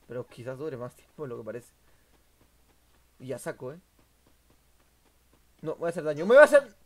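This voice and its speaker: A young man, streaming a game and commentating live, excitable and swearing at the action. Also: mid-range voice. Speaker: gaming streamer.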